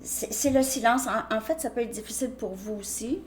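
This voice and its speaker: A woman's voice: on the high side, fairly quick, slight background noise. A woman giving a casual tarot reading, talking hesitantly with frequent restarts and "ok?" check-ins. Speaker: tarot reader.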